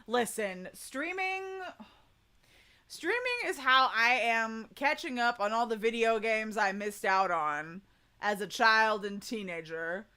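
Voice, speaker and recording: Woman, livestreamer, high bright voice, casual chat, informal and folksy, unhurried pace. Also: smooth. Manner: chatty, informal, folksy "y'all". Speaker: VTuber streamer, voice coach.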